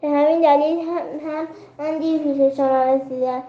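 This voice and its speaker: A woman's voice: sits high, fairly even intonation, lightly acted. A woman voicing a small, clever, frightened male rabbit who speaks in a trembling, pleading way, in a children's storybook reading. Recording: roomy, slightly dull recording.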